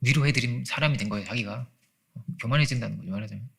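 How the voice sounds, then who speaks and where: A gravelly, husky-voiced man preaches a Sunday sermon at a brisk pace. He talks with his congregation more than at them, firing off rhetorical questions and acting out quoted voices. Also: mid-range voice, fairly bright tone. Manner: acts out quoted voices, laughs often. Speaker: pastor. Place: church sanctuary.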